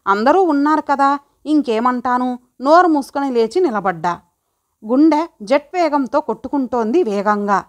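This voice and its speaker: A woman narrating a first-person audio story in a lively, chatty way. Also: sits high.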